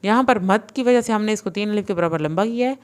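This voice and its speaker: In a recorded lesson on reading the Quran, a woman with a clear, resonant, medium-pitched voice spells syllables out slowly and blends them. In between, she picks up the pace with plain explanations of the rules.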